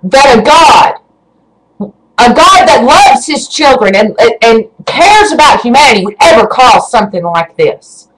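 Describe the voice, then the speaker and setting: A woman vlogger giving an emotional webcam rant, stammering as her anger rises into shouting. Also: on the high side, sing-song, measured pace, background noise. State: shaking with rage.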